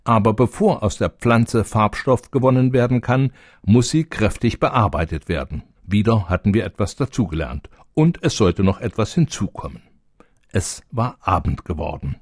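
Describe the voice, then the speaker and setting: A man narrating a storybook tale in a calm, even manner. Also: lowish voice, dry recording, studio quality.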